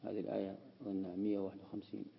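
A man's voice: on the low side, completely flat delivery, very fast, vocal fry, big-room sound, muffled recording, a little hiss or hum. A man teaching a classical text as a sheikh, explaining and repeating key words. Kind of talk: lesson explaining Quranic word usage.

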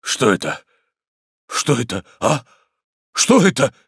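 A man voicing a coarse, bullying middle-aged man who shouts insults and accusations. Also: medium pitch, very animated, slow pace, gravelly, slightly rough, no room sound, clean studio sound, pitched above the performer's own voice, full character voice. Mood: yelling.

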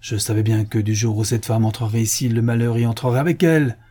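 A man's voice: mid-range voice, animated, normal speed, warm tone, voice pushed up, close to an everyday voice. A man reading the part of a domineering older grandmother, speaking vehemently. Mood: furious. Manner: vehement, raging.

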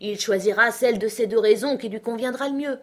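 Une lectrice qui prête sa voix à un oncle d'âge mûr, ironique, honnête et prompt à s'emporter. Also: female voice, fairly high pitch, fairly quick, voice pushed up, natural voice. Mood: exasperated. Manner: exclaiming, ironic. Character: excitable, principled middle-aged uncle, a man.

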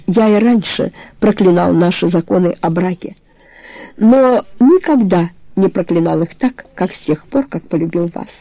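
A reader voicing a tormented married man who confesses his love in halting, emotional pleas, in an audiobook. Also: medium pitch, warm tone, no room sound, dull audio, lightly acted. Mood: anguished pleading.

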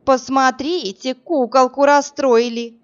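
A woman's voice: fairly high pitch, normal speed, dull audio, voice pushed up, lightly acted. A woman voicing a nasty, haughty young female bully who mocks and hisses in a storybook reading. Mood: mocking. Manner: hissing, mocking.

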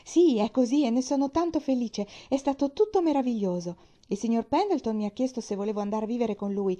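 A woman voicing a cheerful, excitable young girl in a storybook reading, speaking with eager, breathless rushes of words. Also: medium pitch, highs cut off, voice pushed up, lightly acted.

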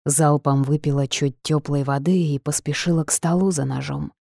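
A woman narrating a first-person fantasy audiobook in an expressive, steady storytelling voice. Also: low-pitched, moderate pace, vocal fry, no room sound, clean studio sound.

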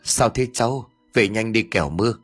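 A man voicing a worried old village grandfather who asks anxious, hurried questions in a low, husky voice. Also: soft background music.

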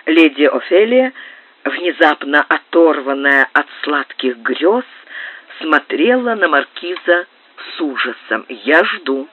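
A woman narrating a literary audiobook in a measured, expressive way. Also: low voice, husky, dry recording. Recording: tinny narrow-band dry digitized tape.

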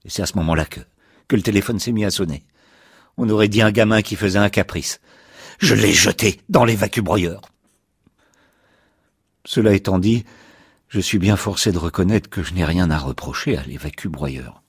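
Excitable defiant confessor, voiced by a man: low, husky, dry, bursts loud. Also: moderate pace, pauses often, no room sound. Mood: excited. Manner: excitable, sarcastic, swings to shouting. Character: agitated man confessing he killed his noisy house.

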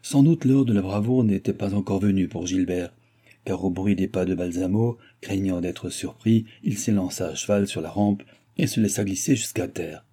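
A man narrating a classic novel as an audiobook reader, measured and even. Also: low voice, husky.

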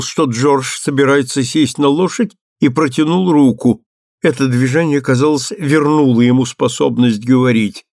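A man narrating a novel as an audiobook in a measured, even reading. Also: medium pitch, creaky, no echo, clean studio sound. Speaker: audiobook reader.

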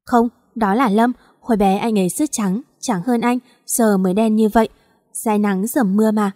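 Storybook role: gentle grieving young man, soft and choked read by a female narrator. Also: medium pitch, fairly even intonation, normal speed, dry recording, studio quality, in a large hall, natural voice.

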